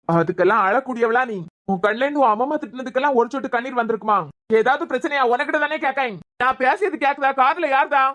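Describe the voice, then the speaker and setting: A woman's voice: on the high side, close to an everyday voice. A woman voicing a blunt, joking young husband in a cartoon, with a Kanyakumari Tamil accent and a teasing, mocking way of asking questions.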